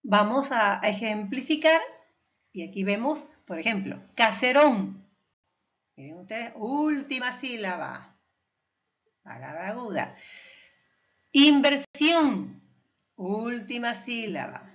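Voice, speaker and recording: A woman's voice: mid-range voice, very animated, unhurried, a bit bright. A woman teacher with a Peruvian Spanish accent giving a patient spelling lesson to her students, drawing out each example word. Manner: patient, explanatory, stretches out example words. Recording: dull lo-fi recording.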